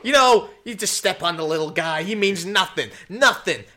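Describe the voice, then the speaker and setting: A man's voice: sits high, expressive, moderate pace, bright, forceful tone. A man playing a tabletop game, bantering in character in a blustering, playful way. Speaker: tabletop player.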